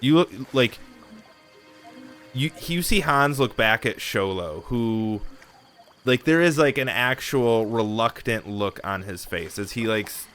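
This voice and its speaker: A man's voice: medium pitch, expressive, measured pace, fairly bright tone. A man improvising narration as game master of a tabletop game, with music behind him.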